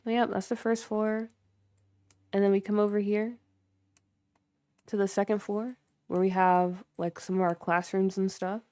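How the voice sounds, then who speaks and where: Smooth-voiced chatty woman streamer. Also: medium pitch, little pitch movement, unhurried, pauses often, darkish tone, no room sound. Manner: chatty, filler-heavy, chats with viewers. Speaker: livestreamer. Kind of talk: casual livestream commentary while building in a game.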